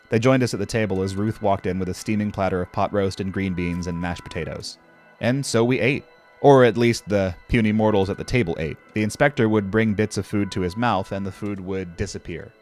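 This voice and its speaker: An older man gives scripted horror story narration in a wry, conversational and occasionally profane manner. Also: lowish voice.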